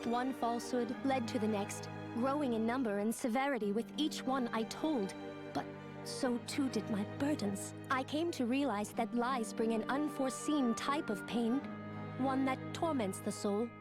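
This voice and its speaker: A fairly high-pitched woman at a moderate pace voices a remorseful young female android in a video game. Her natural voice takes on a formal, robotic delivery full of guilt, while game music plays behind her.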